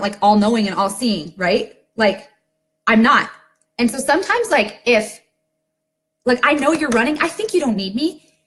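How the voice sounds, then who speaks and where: A woman in a casual live-video talk to her sales team, fairly high-voiced and very lively in pitch. She tells stories in a chatty, loose way, leaning on "like" and checking in with "okay?" and "right?" as she goes. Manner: chatty, lots of "like" and "okay?", animated storytelling. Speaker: network marketing team leader.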